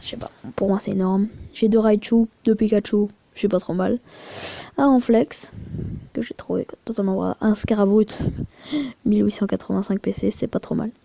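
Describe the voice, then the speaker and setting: A woman's voice: medium pitch, steady tone, normal speed, gravelly, dark tone, dry recording. A woman giving crude, rambling, chatty commentary while showing her mobile game, with muttered asides. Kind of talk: casual screen-recording commentary.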